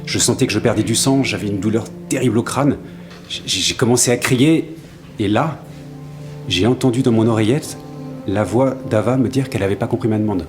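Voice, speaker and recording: A man's voice: lowish voice, brisk, over music, close to an everyday voice. An actor playing an earnest, slightly hesitant salesman in his thirties testifying in a courtroom audio drama. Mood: earnest, shaken. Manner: hesitant, earnest witness account. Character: grateful 35-year-old travelling salesman testifying in court.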